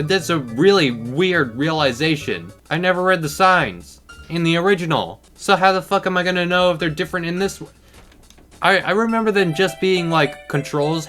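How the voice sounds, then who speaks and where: A teenage boy with a slightly high voice hosts his own gaming channel. He rambles and swears freely in loose let's-play commentary. Faint game music plays underneath. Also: a bit bright. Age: teens. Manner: rambling, swearing, quick to exclaim.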